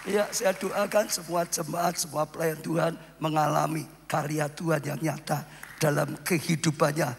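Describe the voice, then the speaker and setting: A man's voice: fairly high pitch, steady tone, moderate pace, creaky, long reverb tail, slight background noise. A male pastor exhorting the congregation, addressing them again and again as brothers and sisters. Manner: exhorting congregation, repeated "saudara". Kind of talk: sermon.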